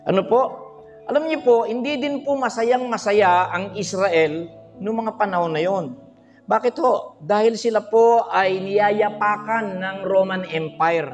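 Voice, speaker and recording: High-voiced Filipino man preaching. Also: in a large hall. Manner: animated, audience questions, bursts of singing. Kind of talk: livestream sermon.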